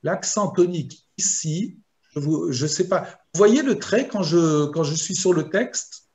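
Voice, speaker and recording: A man teaching a Torah lesson as a rabbi, explaining slowly and chanting Hebrew verses in between. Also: fairly high pitch, animated, a little mellow. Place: video lesson.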